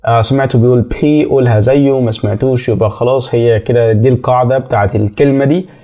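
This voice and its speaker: A man with an Egyptian Arabic accent teaching an English pronunciation lesson, explaining step by step and repeating sounds slowly to demonstrate them. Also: mid-range voice, fairly even intonation, mellow.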